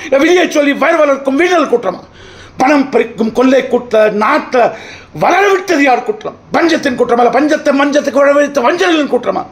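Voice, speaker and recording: Using a very high voice, a man performs the part of a defiant, wronged brother accused in court, arguing his case. His delivery is grand, old-style Tamil film oratory punctuated by dramatic pauses.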